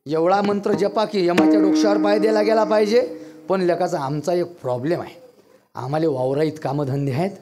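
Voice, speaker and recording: Guy with a varhadi accent doing a preachy sermon, blunt and jokey, gets loud. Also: high-pitched, steady tone, fairly quick. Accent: Varhadi Marathi. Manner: blunt, teasing, with sudden loud bursts. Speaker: kirtan preacher. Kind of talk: devotional sermon with humor.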